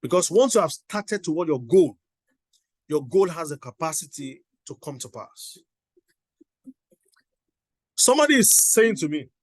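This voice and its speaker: A man's voice: a little high, no echo. A middle-aged man giving a motivational teaching talk, emphatic and repeating his exhortations. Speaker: motivational coach.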